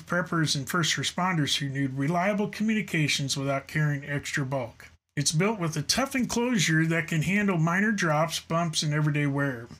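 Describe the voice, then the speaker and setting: In an indoor studio with gear shelves, a middle-aged YouTube host earnestly reviews radio gear to camera, explaining features in a semi-scripted way and occasionally stumbling over his lines. His voice is on the high side and a bit bright.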